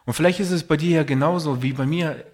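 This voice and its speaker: A man preaches a sermon. He speaks earnestly and personally, mixing his own stories with Bible readings. His voice sits a little high for a man. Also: fast talker, darkish tone.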